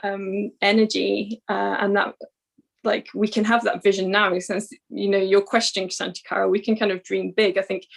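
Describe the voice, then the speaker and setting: Woman panelist, gravelly voice, flat pitch, rambling with fillers. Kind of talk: panel discussion.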